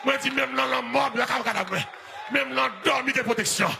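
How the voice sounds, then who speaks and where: A man with a Haitian accent preaching a fiery shouted sermon as pastor, chanting and half-singing repeated refrains to the congregation. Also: very high voice, fairly quick, vocal fry. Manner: repetitive call-and-response lines. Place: church service. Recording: loud church music and crowd noise. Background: live music and congregation.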